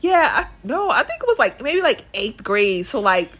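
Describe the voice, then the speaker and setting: A woman's voice: a little high, very animated, moderate pace, fairly bright tone. A woman in her thirties, a podcast co-host, chatting casually with lots of "like" fillers. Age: 30s. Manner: chatty, meandering, many fillers. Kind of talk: casual chat.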